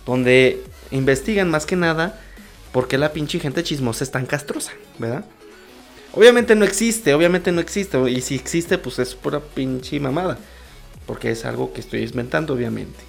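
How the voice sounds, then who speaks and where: A man's voice: on the high side, normal speed, gravelly, soft background music. Rambling, foul-mouthed Mexican man. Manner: crude and rambling, full of swearing and slang; jumps between topics and laughs at his own jokes. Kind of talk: casual comedic monologue.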